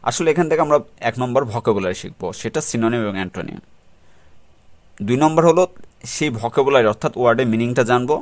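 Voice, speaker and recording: A man's voice: medium pitch, fast. A man with a Bangladeshi accent, teaching English vocabulary in a tutorial, who poses rhetorical questions and mixes in English terms. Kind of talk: explanatory tutorial talk.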